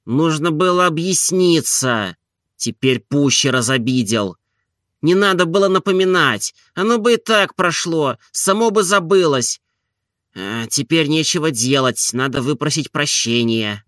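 Oblomov, a timid pleading gentleman read by a man. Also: fairly high pitch, animated, no echo, clean studio sound. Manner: slow, soft and pleading. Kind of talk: audiobook character reading.

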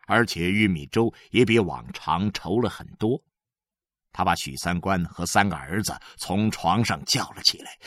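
A male narrator reads a novel aloud, swinging his pitch widely. He lingers over his words at a slow pace, in a dry, close recording. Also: dry recording. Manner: expressive, drawn-out storytelling. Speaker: audiobook narrator. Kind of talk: storytelling narration.

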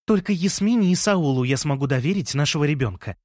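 A man's voice: on the high side, lively intonation, fast, dry recording, studio quality. A man voicing a young pregnant woman, firm and curt.

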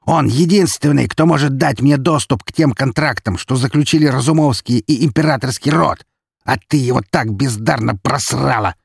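A man's voice: mid-range voice, animated, moderate pace, gravelly, slightly rough, dry recording, clean studio sound, voice pushed up, heavily acted. A man voicing a cruel, menacing nobleman who snarls harsh threats and drags out his words. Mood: raging. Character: cruel menacing nobleman count, brutal and cold.

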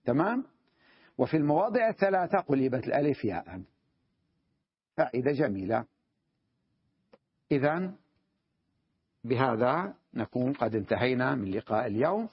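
A man gives a patient grammar lesson. He repeats key phrases and keeps asking whether his listeners follow. His voice is husky, and the recording is dry and muffled, lacking crispness. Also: mid-range voice, animated, dry recording. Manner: repeats key phrases slowly, checks understanding with questions. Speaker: Arabic grammar teacher.

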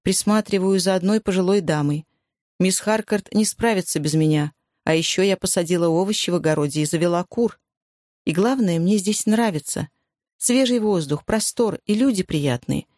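A narrator voicing a firm young wartime wife who speaks calmly and steadily, in a dry recording. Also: mid-range voice, normal speed, no room sound, lightly acted.

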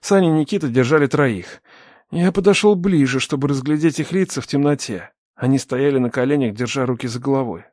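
A man in his twenties narrating a first-person story at a measured, tense pace. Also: medium pitch, darkish tone, no echo, clean studio sound.

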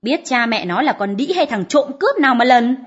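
A woman's voice: high voice, very animated, moderate pace, a bit bright. A woman voicing a bitter, nagging peasant wife who scolds her husband harshly in an audiobook. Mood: disgusted. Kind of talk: audiobook character reading. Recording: dull lo-fi audiobook recording.

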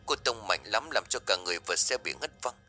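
A man voicing a grieving middle-aged woman, speaking soft and choked with tears. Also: fairly low pitch, expressive, brisk, soft background music. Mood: grief-stricken.

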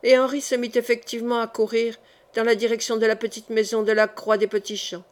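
A woman narrates a classic novel as an audiobook. Her delivery is measured and dramatic. Her voice sits somewhat high. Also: little pitch movement, a little mellow. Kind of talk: scripted narration.

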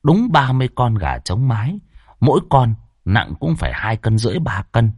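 A man narrating a ghost story in a dramatic, expressive style. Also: medium pitch, moderate pace, husky, dry recording, clean studio sound. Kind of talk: scripted horror narration.

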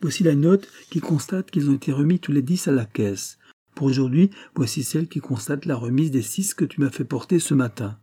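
A man's voice: a little high, animated, brisk, warm tone, slightly rough, pitched above the performer's own voice. Anxious old banker questioning his family, as a male reader puts him on. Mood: urgent. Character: ailing older banker father, anxious and probing.

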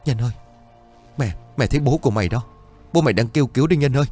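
Give me a man playing a grieving older widow with high, pleading cries, against soft background music. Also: expressive, quick pace, natural voice. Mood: distraught. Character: distraught older widow, fearful and frantic.

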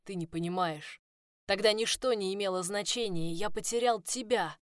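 A woman's voice: mid-range voice, moderate pace, no echo, lightly acted. Woman doing a desperate young guy in love, pleading, dry close sound.

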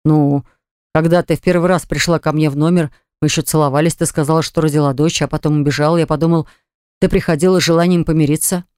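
A woman's voice: sits low, steady tone, fast, darkish tone, clear, resonant tone, no echo, clean studio sound, natural voice. A woman voicing an insistent young man who pleads earnestly with his ex in an audiobook. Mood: pleading. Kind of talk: audiobook dialogue.

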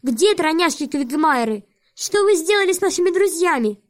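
A woman's voice: very high-pitched, lively intonation, brisk, no room sound, clean studio sound. A woman voicing a clever, determined teenage orphan girl who speaks urgently and accusingly in an audiobook. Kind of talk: audiobook dialogue reading.

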